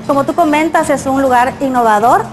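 A woman's voice: sits high, brisk, slight background noise. A woman representing a salon answers an interviewer's questions in a friendly, explanatory way, with a few small restarts. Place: indoor salon.

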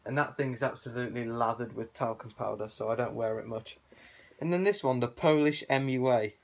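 A man's voice: mid-range voice, fairly quick, vocal fry. A man speaking through a cloth balaclava, showing his gas mask collection in a rambling, offhand chat full of fillers. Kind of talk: casual show-and-tell vlog.

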